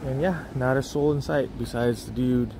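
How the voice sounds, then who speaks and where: Background noise accompanies a young male travel vlogger touring a beach resort on foot, his phone on a gimbal. He speaks at a moderate pace in a mid-range voice, casually rambling through the commentary with lots of fillers and restarts.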